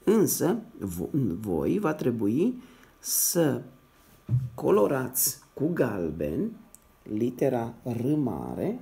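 A man with a dark, mellow voice and a touch of gravel, giving a reading lesson to young children. His pitch rises and falls a lot as he sounds syllables out slowly and repeats them. He keeps checking in with the class in a patient, encouraging way. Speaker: primary school teacher.

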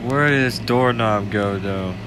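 A man gives casual commentary as he plays a video game. His voice sits on the low side and moves slowly, often repeating questions to himself. A clear layer of background noise runs under the recording. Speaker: gamer narrating gameplay.

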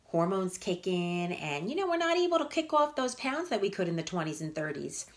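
A woman's voice: medium pitch, sing-song, brisk. 50s lady coach talking straight to her live viewers, blunt and punchy, hammers the point home. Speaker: fitness and nutrition coach. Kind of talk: live-stream motivational talk to viewers.

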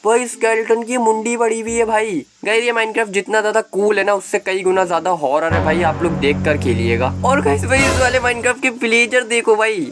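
A man giving casual, excitable gameplay commentary, jokey and playing up being scared, calling his viewers "bhai" again and again. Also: high voice, normal speed, few pauses, over music. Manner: excitable, says "bhai" in almost every sentence. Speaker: gaming YouTuber.

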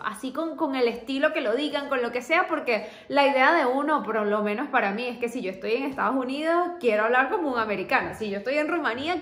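A woman's voice: high voice, fairly bright tone. A young woman vlogger giving casual advice, chatting directly to the viewer. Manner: chatty, talks straight to the viewer. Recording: echoey room.

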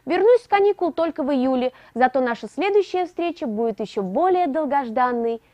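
Lively high-voiced young woman reviewing gadgets. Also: brisk, muffled recording. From Russia. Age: early 20s. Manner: lively, expressive delivery with rising emphasis. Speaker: tech show host. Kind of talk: scripted tech review narration.

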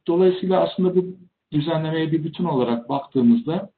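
An older man gives an explanatory webinar presentation over a video call, formal and deliberate, with hesitant pauses. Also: on the high side, vocal fry. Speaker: tax expert presenting at a webinar. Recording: thin, phone-like webinar audio.

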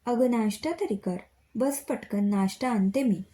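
A woman's voice: fairly high pitch, a little slow, dark tone, lightly acted. Woman reading as fussing middle-aged mother. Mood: scolding.

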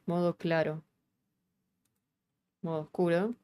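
A woman's voice: fairly low pitch, fairly even intonation, slow pace, warm tone, clear, resonant tone. A woman with a Rioplatense Argentine accent hosting a casual live coding stream, chatting as she works, thinking aloud and swearing casually. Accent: Rioplatense Argentine Spanish.

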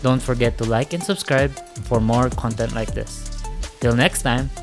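A man's voice: mid-range voice, normal speed. Casual male tech reviewer over music. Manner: casual, friendly, addresses viewers directly. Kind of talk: product review narration. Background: background music.

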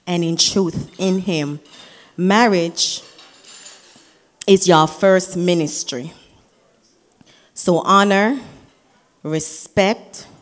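Slow, fervent woman giving a wedding toast. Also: lowish voice. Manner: slow, builds to shouted declarations. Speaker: groom's sister giving a toast. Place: wedding reception hall.

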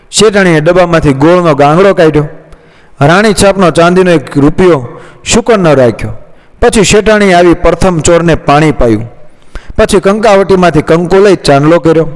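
A man narrating a moral folk tale in a measured, plain reading. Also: a little high. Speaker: storyteller. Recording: long hall reverb.

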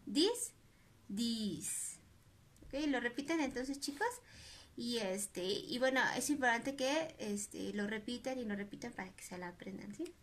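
A woman with a Mexican Spanish accent, teaching English to small children in a recorded online class, drilling words slowly with long drawn-out pronunciation. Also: on the high side, lively intonation.

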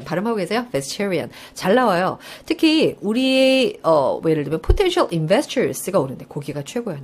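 A woman lecturer teaching a live online English test class, her voice swooping up and down in pitch. She keeps asking students questions and answering them herself, often laughing as she explains.

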